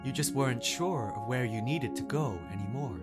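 A man voicing a kind, wise mystical guide spirit in a storybook, speaking softly and reassuringly. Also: medium pitch, moderate pace, loud music behind the voice, natural voice. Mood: kindly. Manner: soft, kindly and reassuring.

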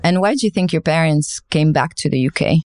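Smooth-voiced woman interviewer, dry sound. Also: sits low, a little fast, no room sound. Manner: gentle, curious questioning. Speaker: podcast host. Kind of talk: interview questions.

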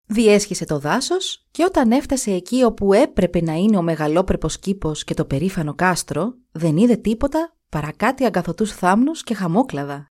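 A woman narrating a fairy tale in an expressive, animated way. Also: medium pitch. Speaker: storyteller.

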